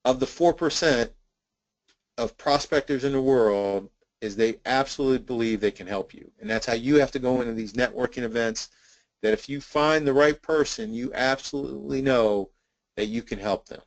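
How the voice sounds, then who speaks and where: A man's voice: mid-range voice, moderate pace, no room sound, poor audio. A man presenting a sales training webinar in an earnest coaching tone, with a slight cough. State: intermittent cough.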